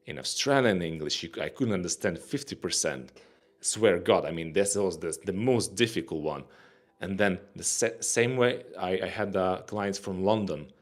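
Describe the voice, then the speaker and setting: A Ukrainian man with a Ukrainian accent co-hosts a casual livestream chat, rambling and repeating words while he hunts for the right phrasing. His voice sits low and he talks at normal speed.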